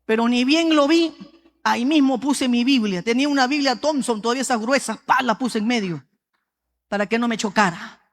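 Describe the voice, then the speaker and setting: A woman pastor with a Peruvian accent, giving a sermon with personal testimony in a lively storytelling way and often addressing the congregation as brother. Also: a little high, fairly quick. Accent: Peruvian Spanish. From Peru. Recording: long hall reverb.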